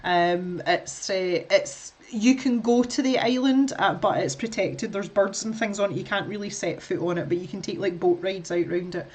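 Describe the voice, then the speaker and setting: A middle-aged Scottish woman with a mid-range voice streams herself colouring and chats casually to viewers. She talks at a normal speed with hardly any pauses, rambling and laughing often.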